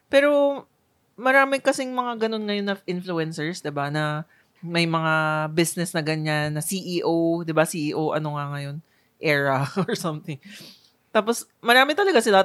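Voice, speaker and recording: A woman co-hosting a casual podcast, talking in an animated way with many fillers. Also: lowish voice. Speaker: podcast co-host. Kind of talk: casual chat.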